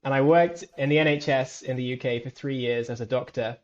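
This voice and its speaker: A man's voice: mid-range voice, fairly even intonation, fairly quick, muffled recording. A man from the UK introducing himself as a guest researcher, polite and articulate. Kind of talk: self-introduction in interview.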